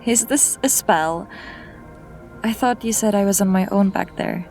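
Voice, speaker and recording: In a fantasy audio drama, a woman voices a wry young mage heroine who sounds startled. She speaks slowly and deliberately in a gravelly, medium-pitched voice, her nerves showing through dry, self-mocking humor, while soft music plays faintly behind her.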